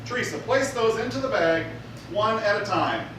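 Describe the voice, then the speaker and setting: Teasing his volunteer and calling out to the crowd, a man performs jokey stage-magic patter live. He sits high in pitch, sounding animated and fairly bright at a normal pace, while the far-off theater recording is echoey and noisy.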